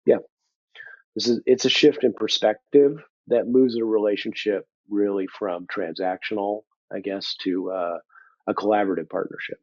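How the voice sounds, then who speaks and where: Older guy being interviewed, low-ish voice, dry humor, muffled close audio. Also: fairly even intonation, normal speed, dry recording. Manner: thoughtful, dry humor, frequent ums. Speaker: interview guest, business leader. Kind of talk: conversational interview. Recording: dull, dry lo-fi sound.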